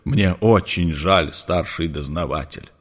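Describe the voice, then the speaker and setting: A man reading an audiobook, voicing a calm male artificial intelligence who speaks in a measured, precise way. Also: deep voice, in a large hall, pitched below the performer's own voice. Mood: coolly polite. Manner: measured, precise, coolly polite.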